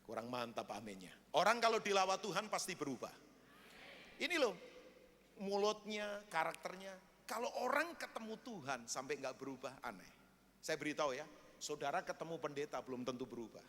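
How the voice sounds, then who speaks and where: Brief: a male preacher, high-pitched and animated, chatty storyteller, echoing church hall. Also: a little fast, slight background noise. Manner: storytelling, chatty, asks the congregation questions. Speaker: pastor. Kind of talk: sermon.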